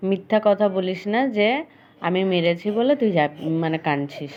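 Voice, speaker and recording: A woman at home gently questioning and scolding her crying child in a casual home video. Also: on the low side, normal speed. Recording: dull lo-fi sound over loud child crying. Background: loud crying child.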